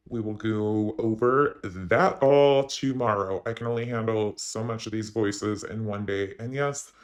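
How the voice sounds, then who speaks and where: A man speaking through a voice changer, hosting an opinionated online commentary and talking straight to his viewers. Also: medium pitch. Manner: opinionated, addresses viewers directly. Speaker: commentary channel host.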